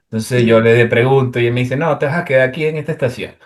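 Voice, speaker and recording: A man's voice: medium pitch, fast. A young man from Venezuela, casually and animatedly telling a travel story as a guest, with plenty of fillers.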